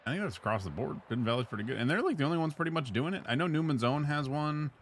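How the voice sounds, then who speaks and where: A man chatting casually while gaming, relaxed, cursing and calling out enemies. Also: on the high side, slight background noise. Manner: relaxed, swears, quick callouts. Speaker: podcast guest and gamer. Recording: game sounds behind.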